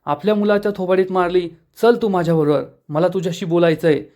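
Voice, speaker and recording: A man's voice: high-pitched, fairly even intonation, quick pace, darkish tone. A man voicing a stern, scheming middle-aged father who gives firm, commanding lines in a serial recap. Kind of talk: dramatic reading of a TV serial recap.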